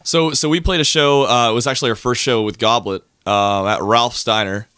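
Young male band member, bright tone, halting storyteller. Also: mid-range voice, steady tone. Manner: halting with restarts, laughing storyteller. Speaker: band member, podcast co-host. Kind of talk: casual chat.

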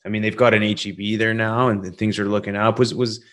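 A man's voice: on the low side, steady tone, a little fast, fairly bright tone. A man hosting an interview, rambling through his questions with many fillers. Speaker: interview host. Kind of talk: casual interview.

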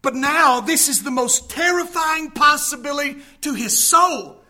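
A man preaching a sermon with dramatic delivery, rising to shouts and falling to near whispers. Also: extremely high pitch, unhurried. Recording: podcast sermon recording.

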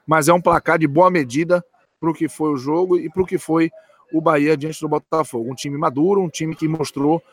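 A man's voice: fairly high pitch, steady tone, moderate pace, slightly rough, no echo. A man giving post-match football analysis from a stadium's stands, speaking emphatically and repeating key points.

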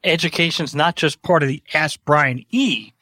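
A man's voice: on the high side, normal speed, sharp tone, dry recording. A man hosting a radio talk show, joking and chatting casually with his co-hosts in the studio.

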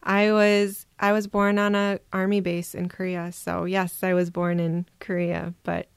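Soft-spoken woman telling her story. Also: fairly low pitch, completely flat delivery, unhurried, gravelly, clean tone, no room sound, studio quality. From Minnesota, USA. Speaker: guest adoptee. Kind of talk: personal storytelling interview.

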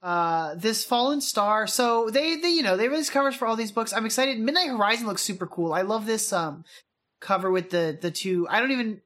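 A podcast co-host chats casually, enthusiastic and slangy, tossing out words like "dude" and "hype." Her medium-pitched voice is expressive and fairly bright, moving a little fast.

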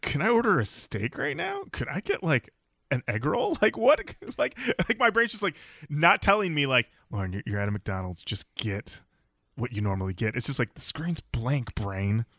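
A man co-hosting a podcast, chatting casually and telling jokey stories in an animated way. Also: medium pitch, normal speed, dry recording, clean studio sound. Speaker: podcast co-host.

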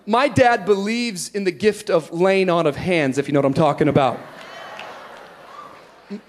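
High voiced guy preaching, jokey stories, gets loud and shouty. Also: measured pace, long pauses. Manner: animated preaching with storytelling humor, swings from quiet to shouting. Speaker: pastor. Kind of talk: sermon.

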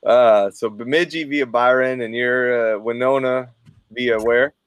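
A man's voice: medium pitch, a little slow, clean tone, no echo. A man from southern Minnesota with a Minnesota accent, telling stories animatedly in a casual podcast chat. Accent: Upper Midwest, Minnesota. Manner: animated storyteller, mimics voices, laughs often.

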